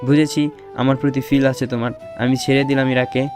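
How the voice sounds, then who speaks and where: A man's voice: medium pitch, level tone, a little fast, a little mellow, soft background music. A young man narrating an audio romance story in first person, playful and teasing. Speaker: narrator and lead voice actor.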